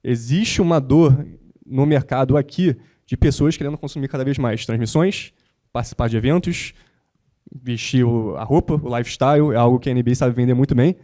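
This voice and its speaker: A young man speaks as a panel guest, full of motivational energy and casual slang. His voice has a mellow, dark tone. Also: medium pitch, brisk. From born in the United States, raised in Rio de Janeiro. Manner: animated and motivational, slangy with frequent "cara" and "pô". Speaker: guest, basketball content creator. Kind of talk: panel talk on stage.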